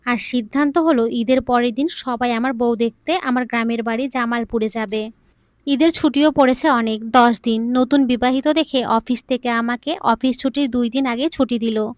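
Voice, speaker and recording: A woman narrating an emotional audio story in a calm, even storytelling manner. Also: a little high, moderate pace, no echo, clean studio sound.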